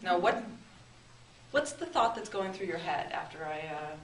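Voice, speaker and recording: A woman's voice: lowish voice, expressive, normal speed, fairly bright tone. A woman giving an interactive marketing workshop in a meeting room, chatty and upbeat, often checking in with the audience. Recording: echoey room, distant mic, noisy.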